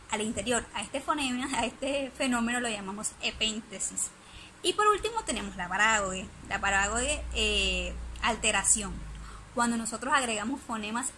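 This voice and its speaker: A woman's voice: a little high, sharp tone, slight background noise, rough recording. A woman giving a spoken lesson presentation, hesitant, with many fillers and restarts.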